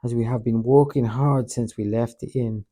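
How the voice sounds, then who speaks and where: A man's voice: medium pitch, steady tone, moderate pace, dark tone, natural voice. A man reading an audiobook, voicing Judas, an anxious and defensive male disciple who pleads and wails. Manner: pleading, wailing.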